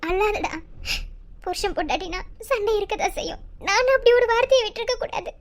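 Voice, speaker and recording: Woman voicing a very high-pitched, affectionate cartoon wife, soothing and forgiving. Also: fairly quick. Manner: soothing, coaxing tone. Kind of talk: cartoon voice acting.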